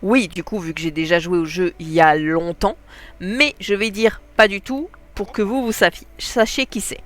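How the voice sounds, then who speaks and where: A woman's voice: mid-range voice, moderate pace. A woman with a stuffy nose giving casual, chatty commentary while gaming, often laughing. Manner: chatty, laughs often, talks to her dogs. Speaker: gaming streamer.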